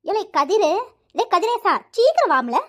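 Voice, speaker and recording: Woman voicing a shrill scolding village mother. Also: animated, rapid-fire. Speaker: cartoon voice actor.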